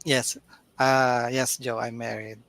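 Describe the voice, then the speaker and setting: A man from the Philippines, a guest in a live video interview, polite and soft-spoken, often saying the host's name. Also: mid-range voice, little pitch movement, slow pace, no echo. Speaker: interview guest, accounting student. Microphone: remote video call.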